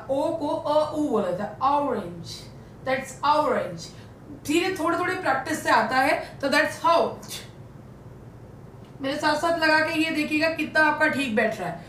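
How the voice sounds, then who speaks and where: A woman teacher giving an exam-prep lesson, drawing out English words slowly. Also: a bit bright. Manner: says English words slowly and stretches them out. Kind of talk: online lesson in Hindi and English. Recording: echoey room, faint rumble.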